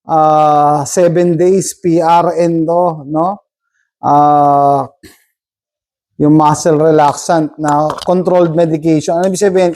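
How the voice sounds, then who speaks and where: A man with a high-pitched, mellow, warm voice tells a personal story to his viewers. He talks casually and rambles, checking in with a quick "no?" as he goes. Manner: chatty, rambling, tags sentences with "no?". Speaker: vlogger.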